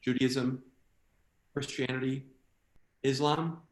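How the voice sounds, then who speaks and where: An American man performing a stand-up comedy routine, animated, slipping quickly into quoted voices. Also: medium pitch, reverberant. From United States.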